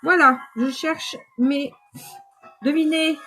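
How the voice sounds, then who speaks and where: A woman's voice: sits high, fairly even intonation, slow pace, a bit bright, faint music behind. A woman in her fifties with a runny nose, chatting casually to viewers while doing her makeup live. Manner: chatty, rambling, talks straight to viewers.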